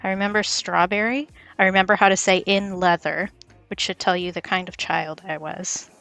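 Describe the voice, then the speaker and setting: A woman's voice: mid-range voice, steady tone, fairly quick, creaky, a bit bright, no room sound, soft background music. A young woman chatting casually on a livestream while she draws, rambling and stumbling over her words with self-deprecating asides. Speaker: streamer.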